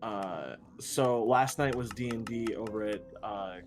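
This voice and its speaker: A man's voice: lowish voice, measured pace, music in the background. A man streaming a game and chatting casually, rambling with frequent restarts and self-deprecating asides. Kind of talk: casual chat while gaming.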